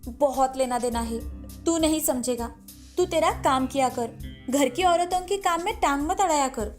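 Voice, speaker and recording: A woman's voice: high-pitched, moderate pace, soft background music, lightly acted. A woman voicing a bossy, scornful old mother-in-law who taunts her family harshly in a cartoon story.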